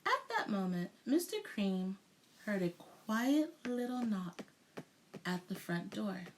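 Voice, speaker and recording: A woman reading a children's picture book aloud with deliberate, dramatic storytelling delivery. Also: mid-range voice, very animated, slight background noise. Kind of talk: expressive children's read-aloud narration.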